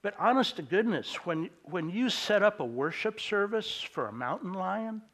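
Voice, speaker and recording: A middle-aged man delivers a sermon in a loose, conversational way. His voice sits somewhat high for a man, and his sentences are broken by fillers and restarts. He slips into other people's voices when he tells a story. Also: animated, normal speed, a bit bright. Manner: acts out quoted voices in anecdotes. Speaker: pastor.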